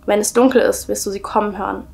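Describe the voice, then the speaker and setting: A woman voicing a frightened young boy who speaks in a hushed, resigned way in a spooky story reading. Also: medium pitch, fairly even intonation, quick pace, vocal fry, faint music behind, natural voice. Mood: fearful. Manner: hushed, fearful.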